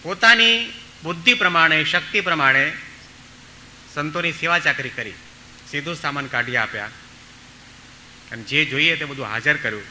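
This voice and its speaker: A man's voice: a little high, moderate pace, pauses often, pushed and bright, slight background noise, low-quality recording. A man preaching a storytelling sermon, acting out the voices of the people in his tales. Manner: acts out voices in his stories, pleading and commanding. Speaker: monk preacher.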